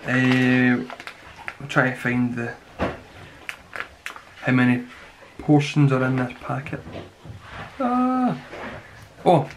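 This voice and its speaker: A man in his twenties giving a rambling, casual review to camera, grumbling in a deadpan way. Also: on the high side. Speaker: snack reviewer. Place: small plain room indoors. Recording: clearly noisy home recording with clicks.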